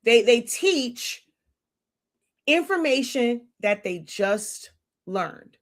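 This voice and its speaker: A woman's voice: a little high, big pitch swings, extremely slow. A woman mentor teaching live in a blunt, lecturing way, often stopping to search for a word. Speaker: business mentor on a livestream. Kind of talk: unscripted live teaching monologue.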